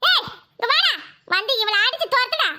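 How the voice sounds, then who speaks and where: A scheming cartoon mother-in-law, acted by a woman, scolds and threatens in a very high, sharp, rapid voice. She is harsh and domineering, and she barks orders without pause. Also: exaggerated voice. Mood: scolding.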